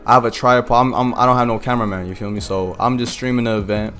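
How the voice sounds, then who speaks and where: A man's voice: mid-range voice, fairly even intonation, fast talker, fairly bright tone, faint music behind. An eighteen-year-old man streaming a game and telling a loose, slangy story full of "you feel me" asides. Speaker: streamer and content creator. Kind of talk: casual storytelling while gaming.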